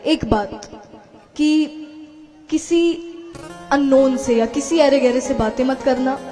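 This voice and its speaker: A woman storyteller voicing a caring mother who gives her young son soft, lower advice. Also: slow pace, in a large hall, soft background music. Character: caring mother of a young boy, gently instructive.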